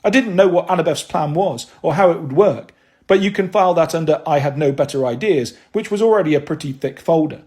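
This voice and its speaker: A man's voice: fairly high pitch, fairly quick, a little mellow. A man reading a first-person novel aloud, with a wry, dry delivery. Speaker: audiobook narrator.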